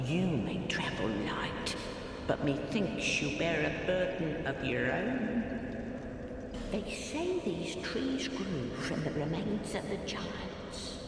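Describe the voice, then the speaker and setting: An actress voicing a wheedling old peddler hag in a fantasy game, with archaic, folksy speech. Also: female voice, on the low side, full character voice. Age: older. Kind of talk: fantasy game character acting. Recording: echoing hall, distant, noisy game audio.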